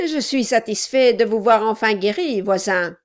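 A woman reading aloud voicing a scheming male dwarf who talks loudly and insistently with false friendliness. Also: on the high side, normal speed, lightly acted. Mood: pushy.

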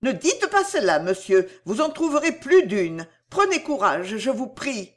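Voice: mid-range voice, big pitch swings, a little slow, voice pushed up. A reader voicing an earnest, compassionate young woman in an audiobook, speaking in a pleading, emphatic way. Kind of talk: audiobook reading.

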